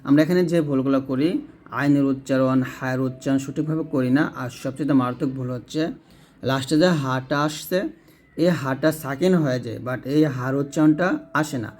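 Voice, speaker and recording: A man at a medium pitch explains, step by step, how each word of the prayer should sound. He slows down and stretches syllables to demonstrate, then corrects common mistakes and speaks straight to the listener. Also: darkish tone. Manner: explains slowly, drawing out words to demonstrate pronunciation; repeats and corrects, addressing the listener directly. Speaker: teacher of prayer recitation. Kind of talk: instructional explanation.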